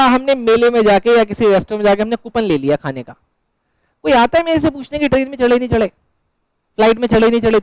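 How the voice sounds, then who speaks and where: High-voiced teasing male teacher. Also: clear, resonant tone, no echo, low-quality recording. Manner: asks questions and answers them himself; teasing, chatty banter with students. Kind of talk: live classroom lecture. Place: classroom.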